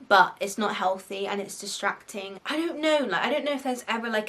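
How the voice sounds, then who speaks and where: Speaking in a medium-pitched, slightly bright voice, this young Bristolian woman hosts a faith-based podcast. Her advice is candid and relaxed, peppered with "like" and frequent laughter as she chats away.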